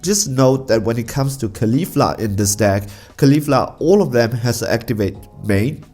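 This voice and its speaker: A man's voice: medium pitch, lively intonation, normal speed, a little mellow, soft background music. Stuffy-nosed man with a cold. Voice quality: nasal. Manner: chatty, restarts and stammers. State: strained voice from coughing. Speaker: card game channel host. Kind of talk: casual card game talk.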